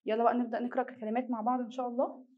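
A young woman with an Egyptian accent teaches an online language lesson. Her voice sits high and she talks fast. She often poses a question to the class and then answers it herself. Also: flat delivery, lo-fi sound. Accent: Egyptian Arabic. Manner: repeats each word twice slowly for students.

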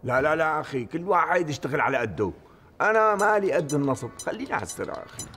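Brief: breezy Syrian petty thief, animated, fast. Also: male voice, a little high, husky, faint music behind, heavily acted. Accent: Syrian Arabic. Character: cheerful easygoing male petty thief.

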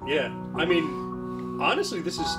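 A man's voice: on the high side, lively intonation, unhurried, recorded from a distance, over loud music. A man hosting a gameplay session, rambling enthusiastically with frequent restarts. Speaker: host. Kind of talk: casual let's-play chat.

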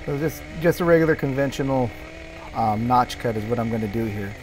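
A middle-aged tree care worker provides casual voice-over commentary explaining his own work video, full of fillers and restarts. His mid-range voice moves a little fast over background noise.

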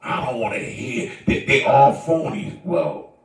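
A man preaching a sermon, swinging between soft asides and shouts, answering the congregation. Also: mid-range voice, a little slow, far from the mic. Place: church. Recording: echoey church room, mic from afar.

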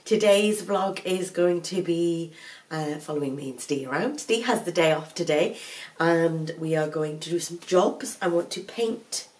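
A woman with a fairly low, darkish voice talks a little slowly, stuffed up with a cold. She's a full-time mum and vlogger, rambling chattily to the camera in her living room and correcting herself as she goes. The camera sits on a tripod at a distance, so the mic is somewhat far off.

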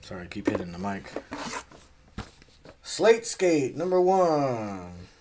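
A man's voice: mid-range voice, sing-song, takes it slowly, a little mellow. A man casually unboxing comics, rambling, trailing off and swearing offhandedly. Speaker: comic unboxing channel host.

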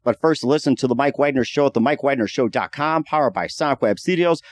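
A man's voice: mid-range voice, fast talker, no room sound. A man hosting a podcast interview, enthusiastic and exclaiming often, and reading sponsor spots. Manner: enthusiastic, frequent "oh my goodness" exclamations. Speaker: podcast host. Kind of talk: casual interview and read ad spots.

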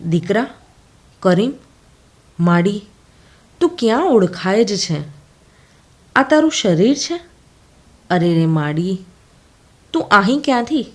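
A woman's voice: mid-range voice, lively intonation, takes it slowly, long pauses. A woman voicing an older mother who trembles and pleads with grief, read in an audiobook story. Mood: anguished.

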